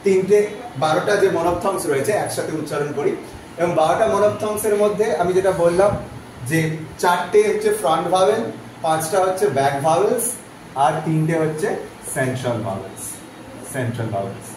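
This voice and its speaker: A man teaching a phonetics lesson, repeating vowel sounds slowly so students can follow. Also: high-pitched, a little mellow. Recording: very echoey room, voice from off-mic, faint background noise.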